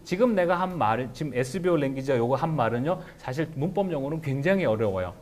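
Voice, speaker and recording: A man giving a lively lecture to teachers on how to teach English writing, slowing right down to spell out example sentences. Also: mid-range voice, slight background noise. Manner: animated, shouts example phrases, slows down for English sentences.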